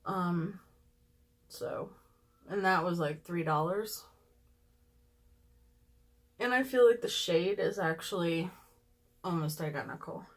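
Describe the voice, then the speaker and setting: A woman beauty vlogger chats through a makeup review in a relaxed, candid way. Her voice sits a little low, and she fills her talk with ums and small asides while she gives honest opinions. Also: slow, pauses often. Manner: chatty, candid, with frequent ums.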